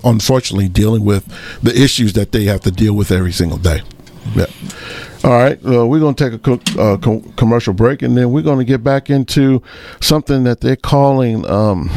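A man co-hosting a radio show, talking casually about politics in a halting way that repeats phrases. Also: medium pitch, warm tone.

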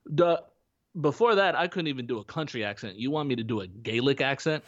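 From home in Florida, a podcast co-host talks loosely, wandering through his points with plenty of fillers and restarts. His medium-pitched voice is expressive, fairly bright, and fairly quick, in a dry, lo-fi recording.

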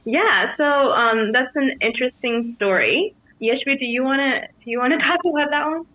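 A young woman from Sri Lanka, a dance company co-founder, answering interview questions in a measured, reflective way. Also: high-pitched, no echo. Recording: dry, tinny phone-like sound.

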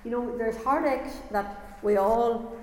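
A woman's voice: a little high, slow, a little mellow. A woman preaching a sermon to a congregation in an earnest way, often repeating words as she builds a point. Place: church or hall, before a congregation. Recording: echoey hall with long reverb.

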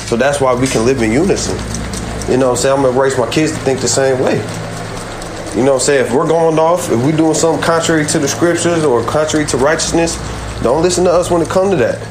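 A man's voice: on the high side, fast talker, reverberant, background noise. A man on a live group voice call who speaks with earnest conviction and quotes scripture in a casual debate. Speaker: call-in panelist.

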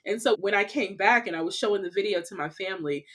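Woman guest on a podcast telling travel stories, chatty and animated, laughs a lot, says "like" and "you know" constantly, middle-range voice. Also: mid-range voice, fast. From California. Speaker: interview guest. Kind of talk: casual conversational storytelling.

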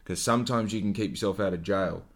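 A man in his late twenties talks alone into his podcast mic, his voice sitting a little low. He rambles through his thoughts with swearing and a steady stream of "like" between phrases. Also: quick pace. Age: 20s. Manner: rambling, profane, filler-heavy with frequent "like". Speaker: podcast host. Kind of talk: solo podcast monologue.

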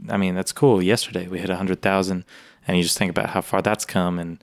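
A man's voice: low-pitched, flat delivery, fast. A man co-hosting a casual podcast, chatting in an easygoing, agreeable way. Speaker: podcast co-host, music store employee.

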